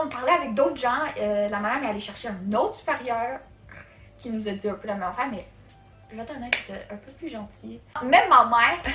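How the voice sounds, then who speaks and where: A woman's voice: a little high, a bit bright. A woman from Canada with a Quebec French accent, telling a casual storytime in a chatty way, full of fillers. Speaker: vlogger. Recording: echoey room, faint music.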